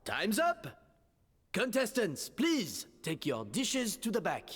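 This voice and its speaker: A man voicing a grand, fussy cooking contest judge in a video game, announcing in a measured, theatrical way. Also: sits high, huge pitch swings, fairly bright tone, slightly rough, heavily acted. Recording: reverberant game audio with music behind.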